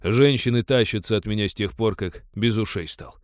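A man's voice: lowish voice, brisk, no echo, studio quality, natural voice. A man voicing a lazy, boastful male warrior in an audiobook.

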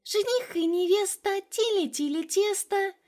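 A woman voicing a playful, teasing little girl in an audiobook, with a squeaky singsong voice. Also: measured pace, a little mellow. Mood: teasing squeal. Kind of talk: audiobook character voice.

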